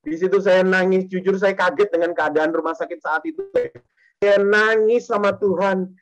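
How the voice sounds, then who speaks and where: A man's voice: high voice, steady tone, moderate pace, dull audio. A man giving a testimony sermon to a congregation, repeating his phrases and often turning to address the listeners directly.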